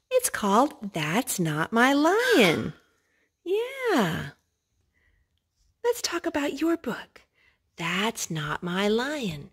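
A woman with a fairly high, slightly rough voice does storytime indoors in her living room. As a parent reading and singing to small children, she keeps her talk simple and instructive, stopping to ask them questions.

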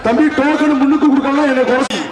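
A man with a Tamil Nadu accent giving excited live event commentary over a loudspeaker, shouting repeated calls and urgings as announcer. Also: very high voice, very fast. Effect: amplified through loudspeaker PA. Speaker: live event announcer at a bull-taming contest. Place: outdoor arena with loud crowd behind. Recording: echoing outdoor PA, distant, loud crowd.

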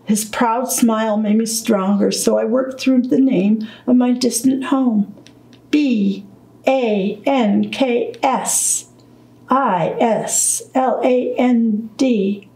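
Slow, gravelly woman reading a storybook. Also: a little high, reverberant, low-quality recording. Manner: slow, deliberate, gentle storytelling. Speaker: storytime reader. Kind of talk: reading a children's book aloud.

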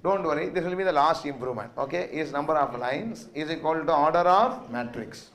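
South Indian man teaching, slightly high voice. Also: lively intonation, a little fast, fairly bright tone. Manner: repeats phrases and figures for note-taking; quizzing, prompting questions to students. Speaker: maths teacher. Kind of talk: classroom lecture with dictation.

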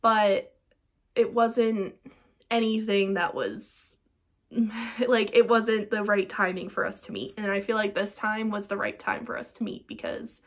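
A woman's voice: medium pitch, fairly even intonation, measured pace. A young woman talking to camera in a personal vlog, emotional and rambling with lots of fillers, a little teary. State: teary-eyed. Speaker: vlogger.

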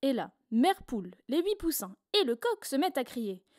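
Expressive woman reading a children's tale. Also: sits high, moderate pace, no room sound, studio quality. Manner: expressive, playful narration. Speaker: storyteller. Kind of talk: storybook read-aloud for children.

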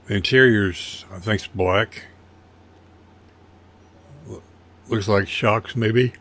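A man's voice: lowish voice, slow pace, fairly bright tone. An older man casually narrating his model car build over photos, rambling and folksy with a self-deprecating humor.

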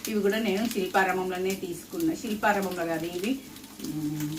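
A woman's voice: fairly low pitch, fairly even intonation, fast. Chatty Telangana woman in a noisy, roomy kitchen. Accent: Telangana Telugu. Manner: chatty, rambling, repeats herself. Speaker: home cooking vlogger. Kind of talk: casual chat while cooking. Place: indoor home kitchen. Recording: roomy, distant mic, clear kitchen sizzle. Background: sizzling oil, clattering pots and pans.

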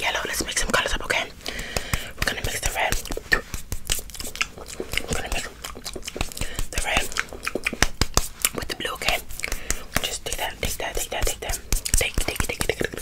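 A young woman doing an ASMR whispered role-play in a breathy whisper with wet mouth sounds, rapidly repeating words close to the mic in a room at home. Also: poor audio. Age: young adult. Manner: whispers with rapid repetition of words and trigger phrases. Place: small indoor room at home.

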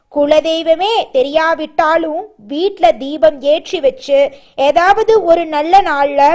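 A woman with a Tamil accent giving brisk, colloquial advice on home worship. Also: sits high, a little mellow. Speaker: astrology presenter. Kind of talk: spiritual advice talk.

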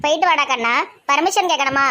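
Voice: high voice, brisk, bright, forceful tone, slight background noise. A performer with a Tirunelveli accent in a comedy sketch, talking in a doting, gushing way that fusses over everyone. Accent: Tirunelveli Tamil. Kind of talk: scripted comedy sketch acting.

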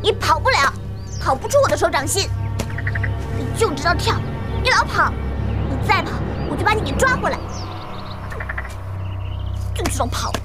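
An actress playing a young devoted daughter in a period TV drama, anxious and emotional. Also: female voice, very high-pitched, very animated, normal speed, long pauses, loud music behind the voice. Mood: scolding playful.

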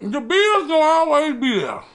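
High-pitched, animated man talking while eating. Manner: emphatic, preacher-like delivery with dramatic pauses. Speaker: mukbang eating-show host. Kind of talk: motivational talk to camera. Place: small indoor room.

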